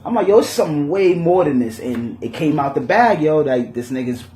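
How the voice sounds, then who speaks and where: A man hosting a podcast in casual chat, telling stories in animated street slang and swearing freely. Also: on the high side, normal speed, echoey room. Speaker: podcast host.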